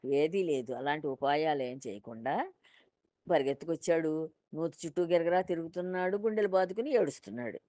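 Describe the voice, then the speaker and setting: Low-voiced woman telling devotional stories. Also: fairly quick, no room sound. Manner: lively, dramatic retelling with many voiced quotes. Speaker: spiritual storyteller. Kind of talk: devotional storytelling discourse.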